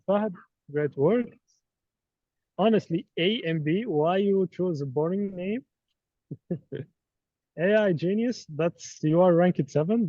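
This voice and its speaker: Running a live quiz for his online course, a native Arabic-speaking instructor jokes and teases his students. His mellow voice sits high. The dry recording has the dull sound of an online call.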